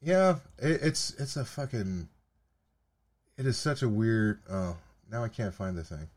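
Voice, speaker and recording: Guy on a podcast, kinda low voice, rambles a lot, swears constantly, uh and um everywhere. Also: animated, unhurried. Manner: rambling, swears often, trails off with fillers. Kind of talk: casual profane chat.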